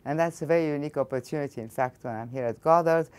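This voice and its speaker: Sitting low and quick, her voice is a little mellow and clean in tone. The speaker is an older woman from Egypt with an Egyptian accent, a physics professor giving thoughtful studio interview answers against a backdrop and repeatedly starting her sentences again.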